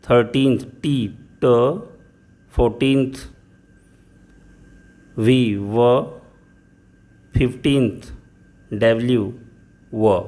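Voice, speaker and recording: A man teaching pronunciation, explaining each letter and its sound slowly and patiently. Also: mid-range voice, a little mellow. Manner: slow, patient, spelling out letters and sounds one by one. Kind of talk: explaining phonetics lesson.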